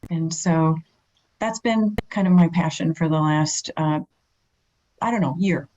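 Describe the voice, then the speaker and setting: Low-voiced woman, mellow and earnest. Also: unhurried, lo-fi sound. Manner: earnest, with fillers and restarts. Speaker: podcast guest. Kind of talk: casual conversation.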